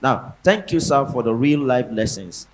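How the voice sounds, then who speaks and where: A man's voice: medium pitch, animated, normal speed. A man, a pastor leading a church question-and-answer session. He reads the questions out and breaks in with playful asides. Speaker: pastor hosting Q&A. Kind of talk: church Q&A moderation.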